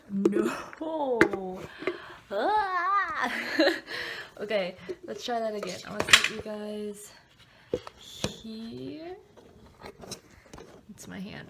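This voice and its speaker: A young woman with a mid-range voice vlogs casually into her phone camera while getting ready in her home bathroom. She rambles, full of ums and likes, and sounds a bit stuffy and congested. Heavy background noise sits under her voice.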